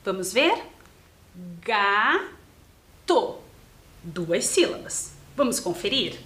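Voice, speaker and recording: Slow, lively-voiced woman teaching children. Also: medium pitch. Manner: patient, counts and spells aloud step by step. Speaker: primary school teacher. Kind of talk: slow, clearly spelled-out lesson for children. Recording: roomy echoing room.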